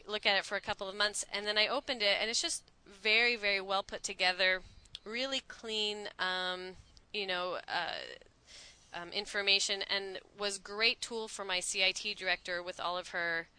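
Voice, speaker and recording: Female co-host from Canada, very bright and smooth voice, chatty. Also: mid-range voice, low-quality recording. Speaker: podcast co-host. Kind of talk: casual chat.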